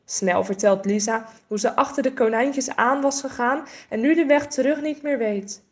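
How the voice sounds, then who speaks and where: Gentle woman reading a children's story. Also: a little high, normal speed. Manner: gentle, expressive, varied.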